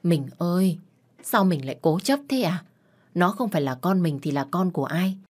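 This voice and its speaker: A worn-down mother speaks softly and pleads, with a firm scolding edge, voiced by a woman storyteller. The voice sits a little below the usual pitch. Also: expressive, moderate pace. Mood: gentle. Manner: pleading, then sharply scolding. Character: long-suffering mother, patient then defiant.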